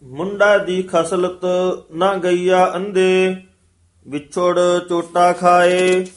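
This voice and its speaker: A man's voice: high voice, little pitch movement. A man practising scripture recitation as a student. He reads each line very carefully in a chant-like way and repeats the lines after his teacher. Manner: very slow, careful, chant-like reading.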